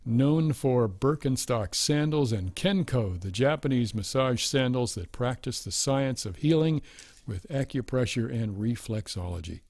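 A man hosting a live radio music show, reading credits and sponsor notes and chatting with a guest in a relaxed, laughing way. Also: mid-range voice, a little slow, no room sound. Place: radio studio.

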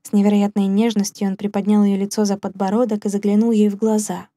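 A woman narrating an audiobook in a calm, measured storytelling manner. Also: mid-range voice. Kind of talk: scripted narration.

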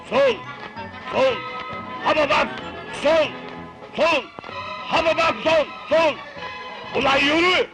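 An actor playing a gruff army sergeant who bellows orders and insults at his recruits in a film comedy. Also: very high voice, full character voice, rough recording. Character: gruff shouting army sergeant, male, adult. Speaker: drill sergeant.

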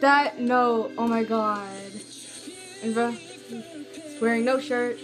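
An excitable woman chatting through a reaction video, her voice high and bright. She rambles with fillers, and a loud music video plays behind her. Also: slow. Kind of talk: casual reaction commentary.

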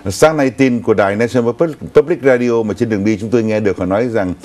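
A man's voice: medium pitch, fast, darkish tone. An older man co-hosting a news talk show in a TV studio, recounting stories unhurriedly with some fillers.

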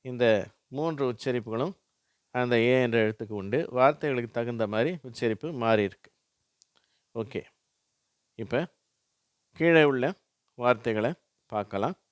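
Man, English phonics teacher, very slow drilling, smooth clear voice. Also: medium pitch, dry recording, clean studio sound. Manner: slow, drilling words with a pause after each. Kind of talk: phonics lesson, reading words aloud.

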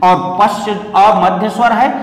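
High-voiced Hindi teacher in an echoey room. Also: male voice, fairly even intonation. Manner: explains slowly, repeats rhymes and asks questions. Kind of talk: online exam coaching lesson. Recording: echoey classroom reverb.

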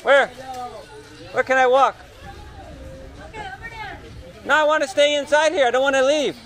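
A middle-aged Canadian man films his travel vlog on an action camera, held or worn, as he strolls a busy village neighborhood and chats with locals in short, simple phrases. His voice is extremely high and a bit bright, with fairly even intonation and an unhurried pace. Crowd and street noise fill the outdoor recording.

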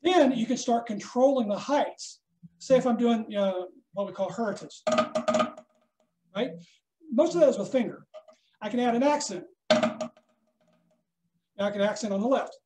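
A man teaching a snare drum masterclass, coaching a student hands-on and checking in often with a quick "okay?". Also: very high-pitched, over music. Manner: instructive, checks in with frequent "okay?". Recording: echoey room.

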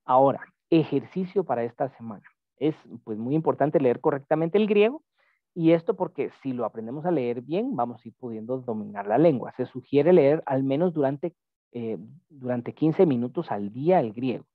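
A man's voice: medium pitch, animated, moderate pace, no echo. Man teaching over a tinny call. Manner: patient, explanatory, asks checking questions. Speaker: Greek teacher. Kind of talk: online lesson. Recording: tinny phone-like call audio.

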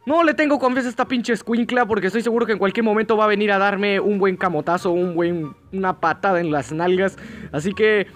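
A young man with a Mexican Spanish accent, giving profane horror game let's play commentary and yelling curses in panic. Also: sits high, fairly quick, soft background music. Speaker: gaming YouTuber.

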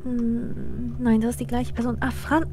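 A woman's voice: a little high, little pitch movement, unhurried, mellow, a little hiss or hum. A young woman streamer chatting casually through a game in a cute anime-streamer manner, with game music behind.

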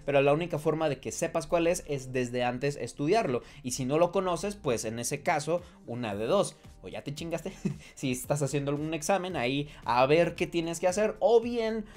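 A man's voice: on the high side, animated, moderate pace, soft background music. A man giving a casual online English lesson, talking straight to the viewer, often checking "¿ok?" and correcting himself as he goes. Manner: thinks aloud with fillers and self-corrections. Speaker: English teacher.

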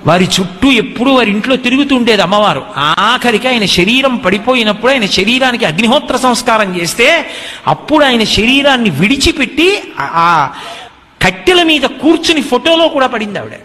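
A man's voice: extremely high pitch, expressive, brisk, bright, forceful tone. A man telling a devotional story to listeners, speaking earnestly and addressing them directly. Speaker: religious storyteller. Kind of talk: devotional discourse. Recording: long hall reverb.

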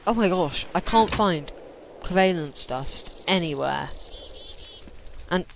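Exasperated, higher-voiced male gamer. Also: animated, slow pace. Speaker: gamer, video host. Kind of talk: casual gameplay commentary. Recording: clear background noise.

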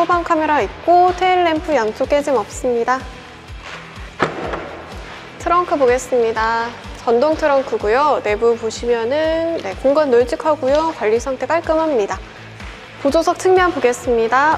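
A young woman giving a methodical, polite scripted car walkaround as a sales presenter, over background music. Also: high voice. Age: young adult. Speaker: used car dealership presenter. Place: large indoor car showroom, car interior and garage.

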